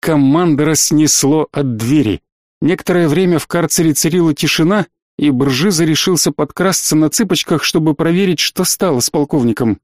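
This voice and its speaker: A man narrating an audiobook in a measured storytelling manner. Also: on the high side, darkish tone, dry recording, clean studio sound. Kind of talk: scripted narration.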